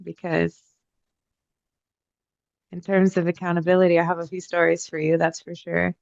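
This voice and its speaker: A woman with a lowish voice challenges the claims in a casual podcast debate, sharp and pointed. Her sound is dull and dry, like a lo-fi mic with no room. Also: completely flat delivery, moderate pace, gravelly, no echo.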